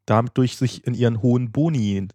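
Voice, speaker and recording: A male podcast co-host who talks casually and reads fairy tales, animated and hesitant, with lots of fillers. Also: medium pitch, fairly quick, no echo, clean studio sound. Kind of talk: casual chat and fairy-tale reading.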